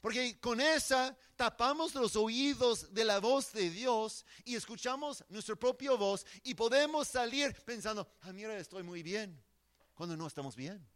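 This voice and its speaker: A man's voice: very high-pitched, animated, unhurried, hardly any pauses, fairly bright tone. A man preaching a sermon in an earnest, emphatic way, often restarting his words.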